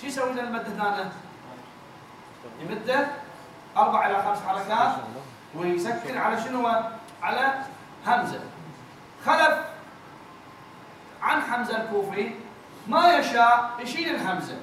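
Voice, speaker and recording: Male recitation teacher, very high voice, patient and repetitive, chants examples; booming echoey room, mic far off. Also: expressive, fairly bright tone, a little hiss or hum. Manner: explains patiently, repeats words, chants verses slowly. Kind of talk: classroom lesson with chanted examples.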